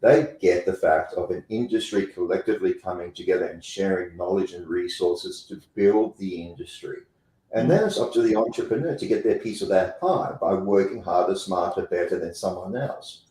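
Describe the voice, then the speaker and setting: In an interview conversation, a South African company president speaks emphatically as the guest and repeats phrases for effect. His voice is low-pitched and mellow at a moderate pace, captured in an echoey room with poor audio.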